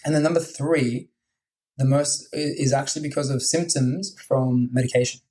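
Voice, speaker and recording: A man's voice: medium pitch, fairly even intonation, normal speed, dark tone, slight background noise, low-quality recording. A man hosting a podcast, chatting enthusiastically and filling his sentences with "like". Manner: enthusiastic, many fillers like "like". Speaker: podcast host. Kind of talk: casual podcast conversation.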